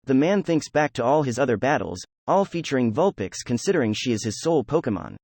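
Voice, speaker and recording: A man narrating a fan fiction audiobook in an even storytelling delivery. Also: medium pitch, fast talker, breathy edge, no echo, clean studio sound. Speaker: audiobook reader.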